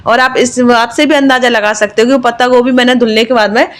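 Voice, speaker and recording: A woman's voice: fairly high pitch, fairly even intonation, fast talker. A woman and mother narrating her own home vlog in a chatty, confiding voice-over, with lots of fillers. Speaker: vlogger, mother.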